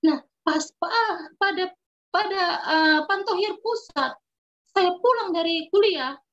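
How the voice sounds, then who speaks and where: A woman's voice: very high-pitched, slow pace, a bit bright. A middle-aged woman giving an emotional personal testimony as a mother, speaking fervently and earnestly and often repeating herself. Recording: dull lo-fi recording.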